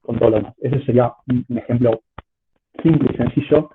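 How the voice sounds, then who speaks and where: A university statistics lecturer with an Argentine Spanish accent gives an informal online lecture in a steady, medium-pitched voice at a fairly quick pace. He hesitates and repeats words as he explains. The choppy, phone-like call audio carries faint noise and clicks.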